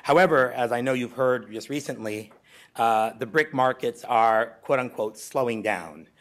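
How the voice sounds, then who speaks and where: A man's voice: medium pitch, normal speed. Greek man giving a conference talk. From Greece. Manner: conversational, many ums and restarts. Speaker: conference speaker. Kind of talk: conference presentation. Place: lecture hall at a symposium.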